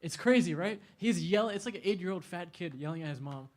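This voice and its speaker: A man lecturing a youth audience at an Islamic center in a casual, animated way. He laughs often and talks in a large indoor hall. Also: sits high, quick pace.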